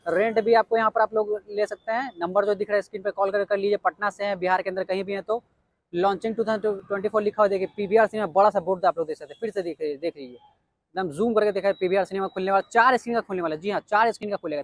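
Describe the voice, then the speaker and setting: This high, steady-toned male voice belongs to a Bihari vlogger touring a construction site outdoors, speaking quickly with no room sound. He's excited and pumped, repeating key points and punctuating them with "yes indeed".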